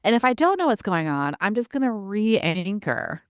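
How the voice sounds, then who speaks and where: A middle-aged woman, a parenting expert guest, talking in a conversational interview and acting out little parent-child exchanges with animated quoted asides. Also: medium pitch, moderate pace, clear, resonant tone, no room sound, clean studio sound.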